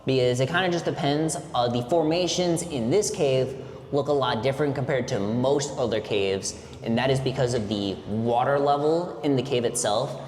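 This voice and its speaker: A man's voice: mid-range voice, normal speed, a little mellow. A man working as a cave tour guide, explaining the sights as he leads a boat tour inside a cave. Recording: echoey cave, long reverb, background noise.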